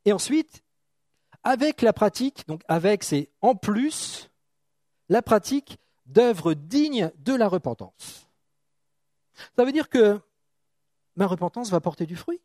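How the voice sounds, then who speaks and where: A man's voice: high voice, sing-song, takes it slowly, pauses often, warm tone, no room sound, clean studio sound. A middle-aged man from France preaching an informal, joking sermon, thinking aloud with many restarts and asides.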